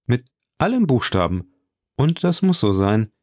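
A man's voice: mid-range voice, sing-song, unhurried, darkish tone, dry recording, studio quality, voice pushed up. A man voicing a suave, assured count. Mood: assured, courteous. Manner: smooth, assured and courteous. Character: suave commanding count, polished and smiling.

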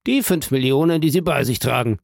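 A man reading an audiobook and voicing a calm, phlegmatic bandit chief who answers in an unhurried, dry, mockingly courteous way. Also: medium pitch, vocal fry, dry recording, voice pushed up.

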